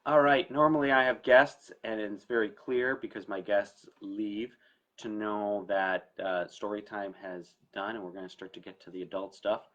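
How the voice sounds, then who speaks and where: A fairly low, fairly bright male voice comes through a muffled recording at a moderate pace, with fairly even intonation. The speaker, an estate planning attorney hosting a story time talk, explains things to camera informally and emphatically.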